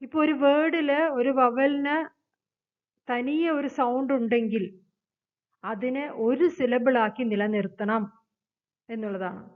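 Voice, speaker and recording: A woman's voice: on the high side, fairly even intonation. Woman, Malayali accent, grammar teacher, patient step-by-step explaining, narrow phone-like audio. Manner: explains in Malayalam, reads English rules slowly. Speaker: English teacher. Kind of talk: grammar lesson.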